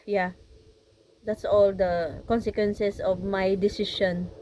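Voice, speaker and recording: A woman with a Filipino accent giving a personal interview outdoors by a road, earnest and halting in her English. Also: mid-range voice, level tone, warm tone, rough recording. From Philippines. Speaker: interviewee and channel co-host. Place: outdoors beside a busy road. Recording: clear traffic noise outdoors. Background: vehicles passing.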